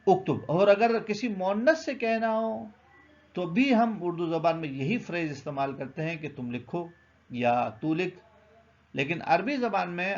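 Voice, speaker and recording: A man's voice: a little high, muffled recording. A man teaching a beginner grammar lesson, patiently explaining, asking questions and then answering them himself.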